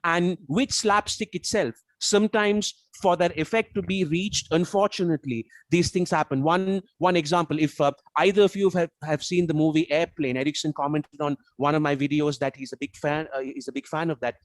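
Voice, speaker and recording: A Tamil-speaking man from South Asia appears as a guest reviewer in a casual, analytical book discussion, building careful arguments with frequent repeats and restarts. His voice is on the high side with fairly even intonation, normal speed, and hardly any pauses, in a dry recording.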